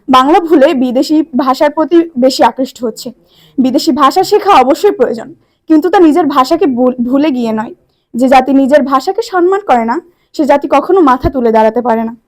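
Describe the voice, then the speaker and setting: High-voiced woman reciting a formal speech. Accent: Barishal Bengali. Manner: declamatory, rhythmic recitation. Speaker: student speaker at a language day event.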